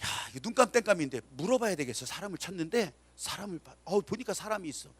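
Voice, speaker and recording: This preacher's voice is high, sing-song, quick and slightly rough, recorded with no room sound. He tells his sermon's stories dramatically, voicing the characters' quotes and emphatically calling out for amens.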